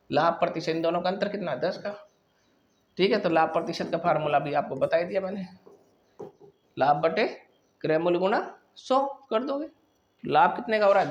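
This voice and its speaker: A male maths teacher leads a classroom lesson, solving problems one step at a time and frequently stopping to make sure his students are keeping up. His voice is high, and the recording sounds muffled.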